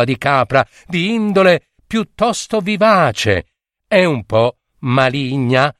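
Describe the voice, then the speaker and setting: A man telling a myth in a theatrical, lively way, with sudden high cries and comic asides. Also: no echo, clean studio sound. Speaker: storyteller. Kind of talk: dramatic storytelling of a myth.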